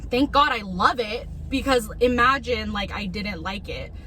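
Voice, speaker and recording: A woman's voice: a little high, animated, unhurried, rough recording. A young woman, chatting and telling stories casually in an informal way as a vlog co-host. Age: young adult. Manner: informal, frequent "like" and quoted dialogue. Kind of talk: casual chat and storytelling.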